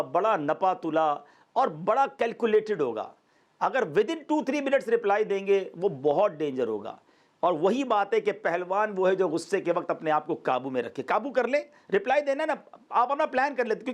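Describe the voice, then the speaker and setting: A man with a Pakistani accent counsels viewers on a religious talk show in a high, bright voice. He advises earnestly, weaving English phrases through his Urdu. His tone stays patient and steady. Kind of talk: Islamic advice talk.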